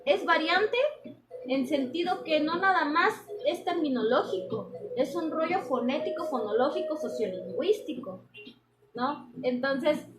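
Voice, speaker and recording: A woman's voice: high-pitched, expressive, measured pace. A young woman, chatting casually in an interview and explaining with examples and many fillers. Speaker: interviewee, anthropology student. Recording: echoey room with background noise.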